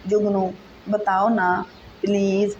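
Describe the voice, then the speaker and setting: A woman's voice: medium pitch, completely flat delivery, a little mellow, highs cut off, a little hiss or hum, natural voice. A woman reading the lines of a devoted young wife who coaxes and pleads with her husband. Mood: pleading. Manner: coaxing, pleading.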